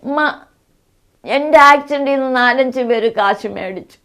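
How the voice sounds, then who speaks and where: A woman's voice: high voice, normal speed, fairly bright tone. A middle-aged woman, a bereaved mother giving a tearful, pleading interview. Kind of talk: emotional interview testimony.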